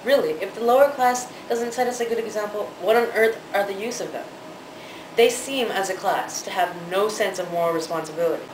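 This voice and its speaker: A young man in an amateur play, acting an idle, witty, smug young gentleman in formal, measured speech. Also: high-pitched, close to an everyday voice. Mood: smug musing. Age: teenager to young adult. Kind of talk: amateur stage-play acting for a student project. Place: large living room, indoors. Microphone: camera a few metres away. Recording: echoey, noisy room from camera distance.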